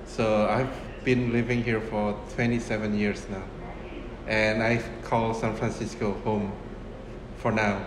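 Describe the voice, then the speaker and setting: A man in his fifties, originally from Indonesia, a restaurant owner speaking in a casual interview, unhurried and full of fillers and restarts. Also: on the low side, flat delivery, crowd noise. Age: 50s. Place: restaurant dining room, indoors. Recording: roomy echo with room noise.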